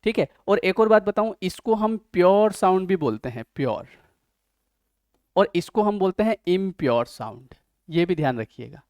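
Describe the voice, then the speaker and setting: Indian male tutor, fairly high voice, dry close mic, explains step by step and checks students follow. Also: expressive, normal speed, darkish tone, no echo. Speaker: teacher. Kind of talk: online exam-prep lesson.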